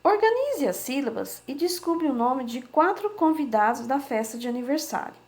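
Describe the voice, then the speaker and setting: A woman teacher giving a slow, patient remote lesson to young children, sounding out words syllable by syllable. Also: high-pitched, very animated, a little mellow. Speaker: primary school teacher.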